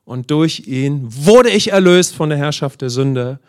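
German preacher swinging loud and soft. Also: male voice, a little high, lively intonation, unhurried. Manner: swings between loud exclamations and quiet murmured passages; calls out "Amen" and "ja" often. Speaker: pastor. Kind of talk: sermon.

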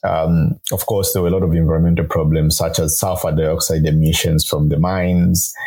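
Young male podcast guest from Zambia, deep husky voice, earnest and upbeat, explains things at length. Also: level tone, normal speed, warm tone. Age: young adult. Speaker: guest, grad student and radio producer. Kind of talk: podcast interview.

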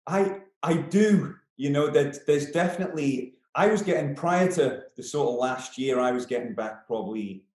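A man's voice: a little high, normal speed, hardly any pauses, darkish tone. Male podcast guest, Isle of Man accent, conversational, recorded over a roomy video call. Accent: Manx (Isle of Man). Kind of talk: casual interview chat.

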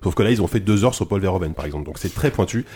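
Rambling fast-talking male podcast host. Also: low voice, expressive, a little mellow, slight background noise. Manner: rambling, hesitant, many fillers. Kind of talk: casual chat.

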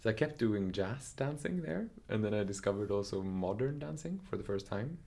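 At a moderate pace, a young man from Norway, a dancer, shares his story as a guest in a casual interview. His voice is low with a gravelly fry, and he's thoughtful and hesitant, often using fillers and correcting himself.

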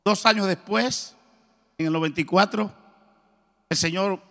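Bright, gravelly preacher in a hall. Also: male voice, high voice, measured pace. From Colombia. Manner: lively storytelling, acting out dialogue. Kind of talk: sermon testimony. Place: church. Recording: reverberant church hall.

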